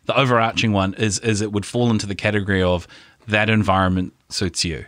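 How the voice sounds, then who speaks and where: Brief: low-voiced NZ man, wry joking podcast co-host, dry close recording. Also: steady tone, fairly quick, fairly bright tone, no echo. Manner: wry, joking, reflective asides. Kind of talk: casual conversational podcast.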